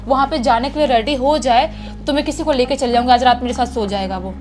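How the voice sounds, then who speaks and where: Young student girl, timid, high voice, faint music, voiced by a woman. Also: quick pace, lightly acted. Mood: earnest. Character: frightened young female medical student.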